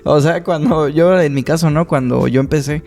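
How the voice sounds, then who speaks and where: A man's voice: on the high side, moderate pace, gravelly, a little mellow. A man co-hosting a casual faith podcast, often chiming in with short agreements. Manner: affirming, chimes in with short agreements. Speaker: podcast co-host.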